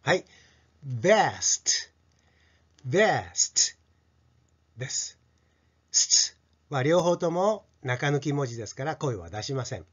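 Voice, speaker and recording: A middle-aged man teaching pronunciation to children, stretching out each sound slowly as he demonstrates it, on a dull lo-fi recording. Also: medium pitch, lively intonation, a bit bright. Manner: slow, drawn-out sound demonstrations. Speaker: English teacher.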